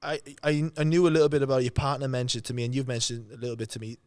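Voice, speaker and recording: A man's voice: medium pitch, level tone, racing, a little mellow, dry recording. A man chatting casually as an interviewer, in an informal, matey way. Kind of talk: casual chat.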